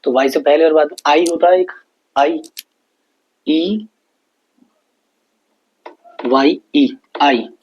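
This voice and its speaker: A man's voice: on the high side, a little mellow, slightly rough, lo-fi sound. A male teacher explaining basic grammar in a lesson, spelling letters aloud and checking in with his students often. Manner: reads English definitions very slowly. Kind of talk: classroom-style lesson explanation.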